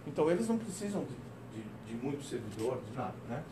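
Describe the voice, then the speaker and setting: A man's voice: medium pitch, brisk, noisy background. Middle-aged man lecturing in an echoey hall. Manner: lively storytelling with frequent tag questions. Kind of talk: corporate safety-week talk. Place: company auditorium. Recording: roomy, distant lecture recording.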